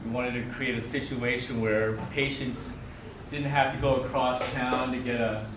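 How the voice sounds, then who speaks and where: A man giving a welcome speech in front of an audience, speaking haltingly to the gathered crowd as one of the hosting partners. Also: medium pitch, fairly even intonation. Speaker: medical center partner giving opening speech. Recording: echoey, noisy venue, distant microphone.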